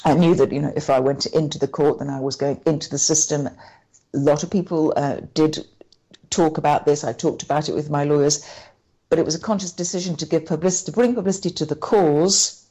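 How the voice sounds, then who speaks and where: Her voice is low, mellow and husky, with a steady tone. Appearing as a guest in a conversational interview, she tells what happened in halting speech, frequently breaking off and beginning sentences again.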